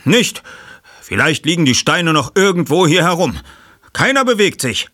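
Ein junger Ermittler mit befehlendem, gefasstem Ton, von einem Mann gelesen in einem Hörbuch. Helle, leicht belegte Stimme in trockener Aufnahme. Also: male voice, a little high, animated, normal speed, sharp tone, no echo, clean studio sound, pitched above the performer's own voice. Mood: urgent. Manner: commanding, methodical. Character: calm, clever young male detective, the narrator.

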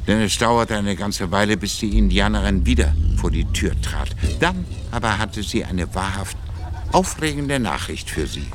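A man narrating a German radio drama in a measured, dramatic storytelling manner. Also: on the low side, expressive, slight background noise. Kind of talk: scripted radio-play narration. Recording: narration over a music bed.

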